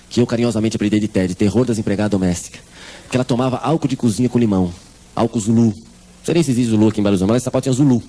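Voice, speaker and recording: A man with a Brazilian Portuguese accent preaching a comic testimony sermon, acting out the voices in his story. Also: medium pitch. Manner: animated storytelling, acts out voices.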